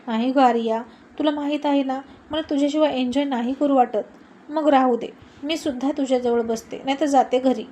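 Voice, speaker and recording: A woman's voice: high voice, fairly even intonation, a little fast, warm tone, a little hiss or hum, natural voice. A woman voicing a young woman who speaks to her best friend in a concerned, coaxing way.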